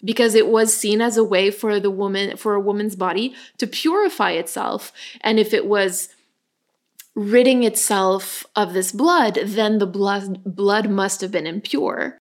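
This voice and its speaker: A woman's voice: mid-range voice, a little slow. Chatty woman podcast co-host. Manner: chatty, laughs often, animated when joking. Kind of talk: casual chat.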